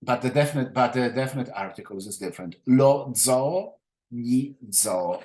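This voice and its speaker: A man teaching an Italian grammar class, explaining each point patiently and repeating the forms slowly. His voice sits at an everyday middle pitch. He checks in with his students now and then as he goes. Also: animated, background noise. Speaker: language teacher.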